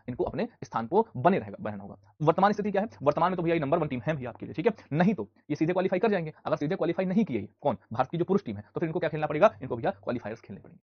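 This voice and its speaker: Guy teaching a live online class, rattles off facts super fast, husky slightly high voice, dry muffled sound. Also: no room sound. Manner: fast, repetitive drilling with rhetorical questions; scolds students loudly at times. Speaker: online exam-prep teacher.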